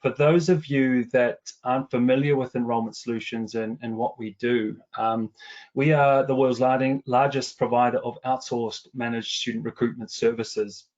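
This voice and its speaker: A middle-aged commercial director from New Zealand delivers survey research in a webinar, measured and businesslike yet prone to frequent fillers and false starts. His New Zealand accent is partly anglicized from his years in England. The voice is medium-pitched, steady and a little mellow, with lo-fi sound.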